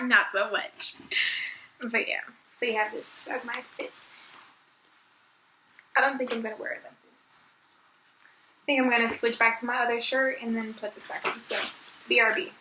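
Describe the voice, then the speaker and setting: A woman's voice: on the high side, normal speed, pauses often, bright, forceful tone, slight background noise. A young woman vlogging, telling a story casually and chattily, saying "like" constantly. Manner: chatty, fills speech with "like". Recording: echoey room.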